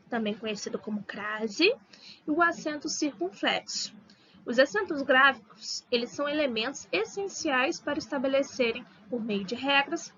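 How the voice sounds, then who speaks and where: A Brazilian woman teacher giving a recorded online lesson, slowly drawing out syllables and repeating example words. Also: high-pitched, a bit bright, muffled recording, a little hiss or hum. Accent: Brazilian Portuguese.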